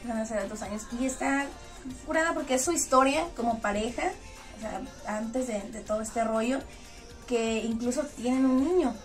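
A woman in her thirties with a northern Mexican accent hosts and conducts a casual, chatty interview, her voice fairly high and her pace normal. They're in a small indoor lounge room at a club, picked up by a distant mic with music playing in the background.

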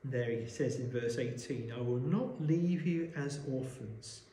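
Male preacher, sermon, slow deliberate delivery, warm tone, reverberant church room. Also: medium pitch, slight background noise. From Wales. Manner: slow, measured Bible exposition with rhetorical questions.

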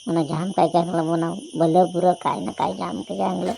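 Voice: mid-range voice, level tone, brisk, creaky, dark tone, slight background noise. A voice actor playing a lovesick schoolboy who pleads and pities himself in a cartoon. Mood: complaining. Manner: pleading, self-pitying. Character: lovesick schoolboy, moping and stubborn. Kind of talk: cartoon voice acting.

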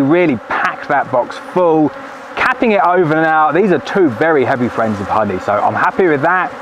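A high-voiced man cheerfully narrates as he works through a hive at an outdoor apiary on a forest edge in the evening. He wears a bee suit veil and is recorded by a camera on a tripod some distance away, with faint bee buzzing and slight background noise behind his chatty, upbeat, hands-on talk.

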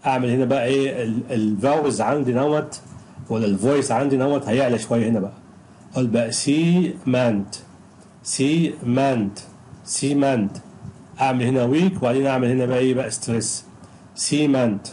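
A man's voice: mid-range voice, fairly even intonation, mellow, slight background noise, poor audio. Patient Egyptian man teaching pronunciation. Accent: Egyptian Arabic. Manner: patient, repeats each word slowly several times. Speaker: English teacher. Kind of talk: recorded screen lesson.

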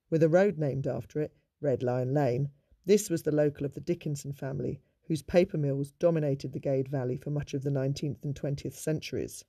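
A man narrates local history in a measured, informative way, his voice slightly high and gravelly with a mellow tone. The recording is close and dry, with no room sound. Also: dry recording.

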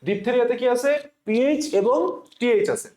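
A man's voice: extremely high pitch, brisk, a little mellow. A man teaching spelling for exam prep, spelling words letter by letter and having students repeat after him. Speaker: spelling tutor for medical admission students. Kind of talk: classroom-style exam lesson. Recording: echoey room.

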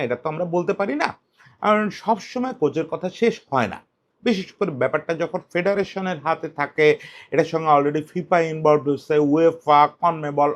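Male football commentator, solo talk, high voice, very expressive, argumentative. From Bengal. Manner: animated, rhetorical questions, shifts pitch for emphasis.

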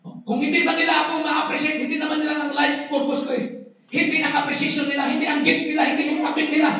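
A male pastor with a Filipino accent, preaching with emphatic, often shouted delivery and mixing English with Tagalog. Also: very high-pitched, little pitch movement, fast talker. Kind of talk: sermon. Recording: echoey hall from far off, dull lo-fi.

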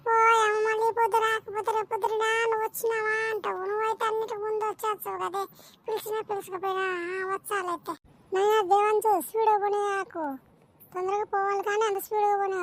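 A woman voicing a fussy, scolding village mother in a cartoon. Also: very high voice. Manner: nagging, fretful, quick scolding. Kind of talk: cartoon voice acting.

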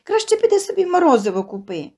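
A woman voicing a kind, gentle middle-aged flower seller who speaks soothingly in an audio story. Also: extremely high pitch, big pitch swings, fast talker, voice pushed up.

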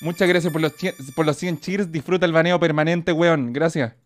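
A young man with a Chilean accent who streams, talking in excited, profane, joking casual commentary. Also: a little high, normal speed, faint music behind.

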